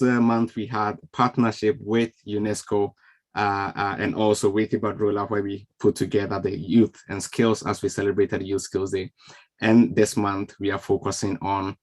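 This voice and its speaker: A man's voice: on the low side, darkish tone. A man moderating an online event from a video call, welcoming people in a friendly way with frequent fillers. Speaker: webinar host. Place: home or office on a video call. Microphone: video call microphone.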